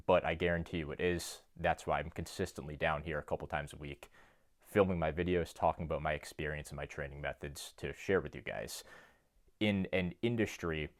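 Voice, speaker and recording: A young man speaks earnestly to his phone camera from a home basement gym. His voice sits very low, and his delivery is a steady monotone. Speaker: fitness YouTuber and coach. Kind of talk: casual talk to camera.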